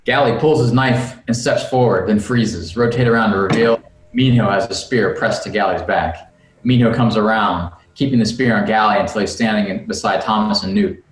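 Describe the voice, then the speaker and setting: Reading stage directions at a screenplay table read over video call, this man adds jokey asides at normal speed in a lowish voice. The call audio sounds roomy.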